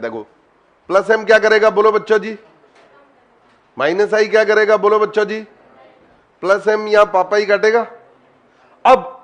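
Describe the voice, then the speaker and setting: This high-pitched male teacher runs a chemistry class online. He fires questions at the students, nudges them toward answering, and addresses them by name.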